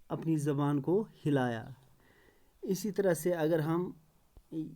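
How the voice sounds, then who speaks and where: A man teaching a class at an unhurried, deliberate pace. His voice sits low and mellow as he repeats each word, spells it out letter by letter, and tosses in quick praise for his students. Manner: spells words out letter by letter, repetitive. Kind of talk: classroom lesson explanation.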